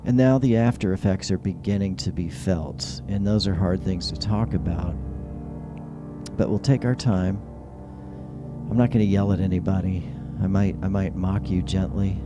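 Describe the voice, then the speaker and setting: A man's voice: deep voice, fairly even intonation, normal speed. A man hosting a casual late-night live stream in a rambling, conversational way, with whistling s sounds. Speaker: host of a live-streamed call-in show. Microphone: close handheld or stand microphone. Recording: music behind the voice. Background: background music.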